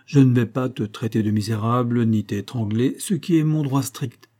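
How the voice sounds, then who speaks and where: Calm stubborn husband, read by a man, deliberate, dark husky voice. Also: medium pitch, lightly acted. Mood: placid. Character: placid middle-aged husband, calm and stubborn.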